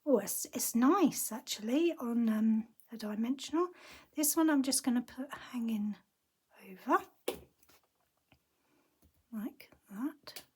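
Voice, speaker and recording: Slowly and with frequent pauses, a woman leads a casual card-making tutorial, her croaky voice a little high and dark in tone yet lively in intonation. Now and then she drops into half-whispered asides to herself as she crafts.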